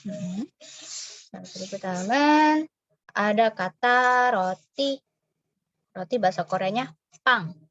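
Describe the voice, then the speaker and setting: A woman teaching a recorded language lesson, slowly and patiently explaining pronunciation and repeating example words. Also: medium pitch. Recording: dry, slightly dull voice recording.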